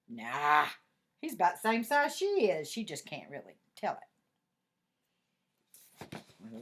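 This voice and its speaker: An older woman with a grandmotherly manner, reading a picture book aloud to children and adding chatty, admiring asides. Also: medium pitch. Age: 60s or older. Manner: grandmotherly, expressive, repeats admiring words. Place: office.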